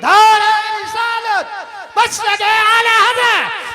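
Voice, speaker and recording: A man leading religious slogans as an announcer, calling them out in short shouted chants. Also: extremely high pitch, level tone, drawn-out words. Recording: live gathering with loud crowd.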